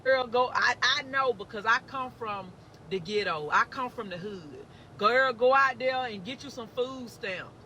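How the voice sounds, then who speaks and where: A man with a very high, sharp, piercing voice rants in a played clip. He is emphatic and slangy and scolds his listener directly. A faint hum of noise sits behind him. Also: unhurried. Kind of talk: preachy street-talk rant.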